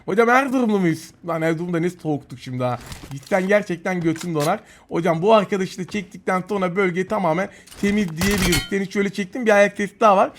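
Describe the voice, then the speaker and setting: A man commentating his own mobile shooter match, excitable and taunting his opponents, with bursts of yelling. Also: sits high, fast, few pauses, slight background noise. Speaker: mobile game YouTuber. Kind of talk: gameplay commentary.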